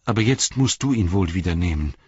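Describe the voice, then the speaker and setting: A man's voice: sits low, animated, fairly quick, a little mellow, husky, no room sound, full character voice. A man reading an audiobook, voicing a loyal, plain-spoken male hobbit servant who talks earnestly and reassuringly, in a dull, dry recording. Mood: gentle.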